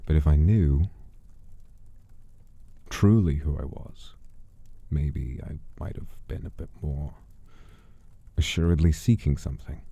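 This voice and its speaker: Speaking into a close, dry studio mic with no room sound, a man streams as an ancient wandering voice demon, a persona centuries old. His extremely low, warm voice has vocal fry and a breathy edge, and he moves slowly with long pauses, musing theatrically through stories and casual livestream chat.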